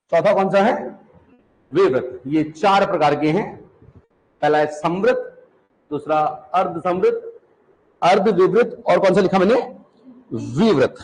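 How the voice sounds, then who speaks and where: A Hindi teacher gives a classroom lecture, slowly repeating each term so students can copy it down, asking and answering his own questions, and calling students "beta." His voice is high-pitched and a little mellow, and the recording quality is low.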